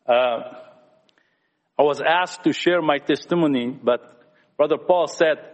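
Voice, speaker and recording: High-voiced man giving testimony. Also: a little slow. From Lebanon. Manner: talkative storyteller, earnest, addresses young people. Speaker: church member sharing testimony. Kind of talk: personal testimony talk. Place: church gathering. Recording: echoey hall.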